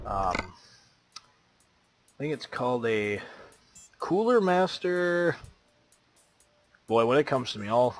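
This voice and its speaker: A Minnesota man, a let's play host from the American Midwest, chats casually while playing a driving game, rambling with lots of fillers. His voice is mid-range, and the recording is very noisy.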